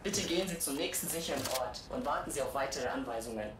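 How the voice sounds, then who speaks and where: Echoey train loudspeaker announcer. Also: male voice, medium pitch, fast talker. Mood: warning. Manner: flat, formal announcing. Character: automated male train security announcer, calm. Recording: echoey, noisy, distant loudspeaker.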